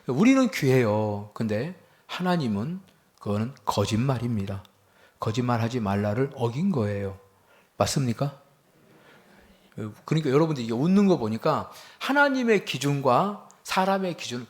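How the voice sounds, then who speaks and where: A man's voice: mid-range voice, very animated, moderate pace. A man preaching a sermon to a congregation. He keeps asking them questions and acts out quoted speech in a raised voice. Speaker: pastor. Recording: church hall with a microphone.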